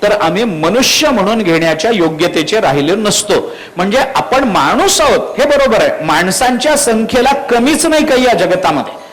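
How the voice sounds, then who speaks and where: A man's voice: sits high, animated, normal speed, rough recording. A man from Marathwada with a Marathwada Marathi accent, preaching a devotional kirtan, quoting Sanskrit verses and firing rhetorical questions at the crowd. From Marathwada, India.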